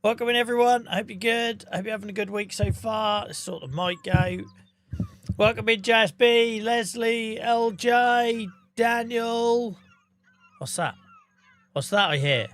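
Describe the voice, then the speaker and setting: A man's voice: very high voice, a little slow, a bit bright. A man in his thirties, a live streamer chatting casually and jokily with his chat while gaming, swearing lightly and laughing often.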